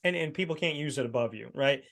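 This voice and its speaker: A man's voice: on the high side, quick pace, gravelly, fairly bright tone. Emphatic man in his thirties. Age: 30s. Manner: emphatic, preachy storytelling. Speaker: podcast co-host. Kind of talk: casual chat.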